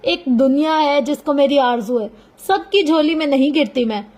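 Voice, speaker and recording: Woman reading as a proud sharp-tongued young woman. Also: high-pitched, normal speed, natural voice. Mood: defiant. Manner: sharp, emphatic.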